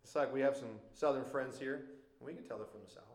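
A man with a Minnesotan accent preaching a sermon as pastor in a church, conversational and animated, with frequent asides. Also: mid-range voice, fast talker, echoey room, rough recording. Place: church sanctuary.

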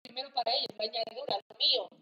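A woman's voice: fairly high pitch, fairly even intonation, very fast, bright, forceful tone, highs cut off. A woman co-pastor preaching a sermon, repeating her points with emphasis.

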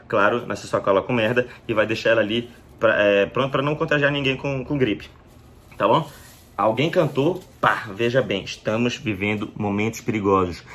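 A man's voice: mid-range voice, fairly bright tone. A man with a Brazilian accent giving a rambling, profane comic monologue at home, acting out scenes with exaggerated coughs. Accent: Brazilian Portuguese. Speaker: comedy vlogger. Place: indoors at home.

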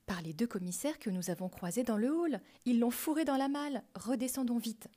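A woman voicing a brave, clever teenage girl heroine in a storybook reading, brisk and self-assured. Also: on the high side, expressive, dark tone.

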